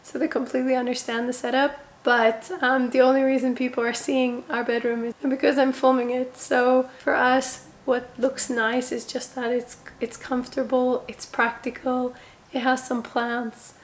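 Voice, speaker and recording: A young woman with a slightly hoarse voice, talking casually and relaxed from her bedroom, with plenty of "like" fillers. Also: high-pitched, normal speed. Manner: chatty, relaxed, with frequent "like" fillers. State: voice somewhat hoarse. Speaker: parenting vlogger. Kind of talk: casual home tour talk. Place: her bedroom, seated indoors.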